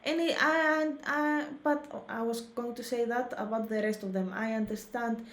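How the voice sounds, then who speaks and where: A woman's voice: on the high side, fairly even intonation, moderate pace, a bit bright. Musing woman with a roomy echo. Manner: thoughtful, restarts and hesitates often. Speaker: reaction video host. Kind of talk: casual commentary.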